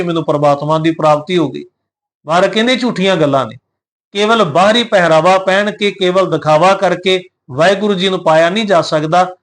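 Male scripture teacher, fairly high voice, slow chanted verse recitation alternating with calm plain explanation. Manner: gives pronunciation guidance. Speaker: Gurbani teacher.

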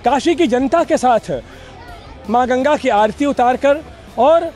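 Very high-voiced rousing middle-aged man. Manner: rousing, rhetorical, grows to shouting. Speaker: cricket fan. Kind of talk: fervent speech to a reporter. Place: crowded riverside steps outdoors. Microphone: handheld reporter mic.

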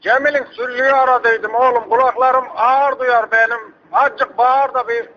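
A man's voice: extremely high pitch, steady tone, moderate pace. A man playing a hard-of-hearing, rambling, persistent old village uncle in a prank phone call. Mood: rambling, insistent. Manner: repetitive, rambling, asks people to speak up. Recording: dull lo-fi phone prank recording.

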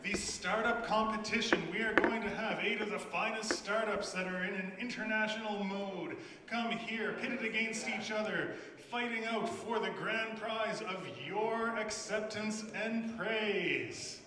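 Canadian man, event host, upbeat and loose, slightly high voice, echoey hall, heard from a distance. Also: fairly even intonation, unhurried. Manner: upbeat, loose, stumbles over names. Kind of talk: live event emceeing. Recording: echoey hall, speaker far off, faint noise.

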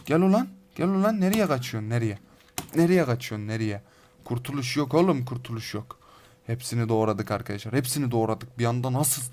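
A young man commenting on his Minecraft game, excitable, shouting threats at mobs and repeating phrases over and over. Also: mid-range voice. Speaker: gaming YouTuber. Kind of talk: Minecraft let's play commentary.

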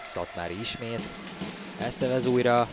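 A man giving excited ice hockey commentary, with his voice rising loudly for the big plays. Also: mid-range voice, loud music behind the voice. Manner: bursts into loud, raised calls on goals.

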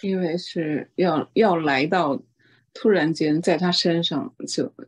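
Female student, husky and lowish, gives brief answers in class. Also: slow.

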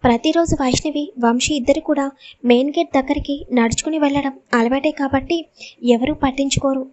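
Female audiobook narrator, high voice, emotional dramatic delivery. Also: steady tone, brisk, darkish tone, highs cut off. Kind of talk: serialized audiobook storytelling.

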